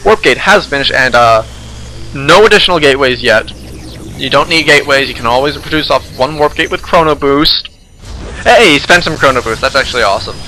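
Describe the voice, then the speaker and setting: Young man, sarcastic game commentary, bright forward voice, faint hiss behind. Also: mid-range voice, lively intonation, a little fast, poor audio. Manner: joking, sarcastic. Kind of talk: casual gameplay commentary.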